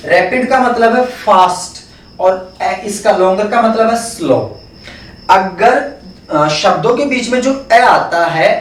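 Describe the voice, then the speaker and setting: Here a man with a high voice and an Indian English accent explains phonetics for an exam step by step, posing questions and then answering them. A little hiss or hum is audible, the room is echoey, and the mic sits far off.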